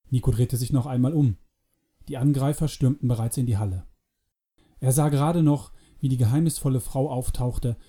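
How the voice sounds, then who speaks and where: Very dark-voiced male storyteller. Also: mid-range voice. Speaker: narrator. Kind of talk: scripted audiobook narration.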